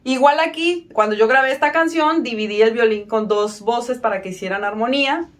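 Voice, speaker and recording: A woman's voice: a little high, moderate pace. A woman giving a casual violin lesson, friendly and self-mocking, counting beats aloud. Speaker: violin teacher.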